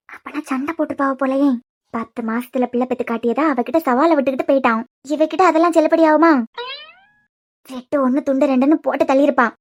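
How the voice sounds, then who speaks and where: A woman's voice: sits high, pitched below the performer's own voice, close to an everyday voice. A woman doing a sly, gloating stepmother with a Kanyakumari accent. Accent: Kanyakumari Tamil. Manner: muttering to herself, gloating. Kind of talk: cartoon web series voice acting.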